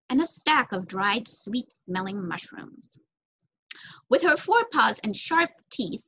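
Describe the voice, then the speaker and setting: A young woman reading a children's story aloud, expressive and with varied emphasis. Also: on the high side, slight background noise. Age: young adult. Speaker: reader. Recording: dull lo-fi recording.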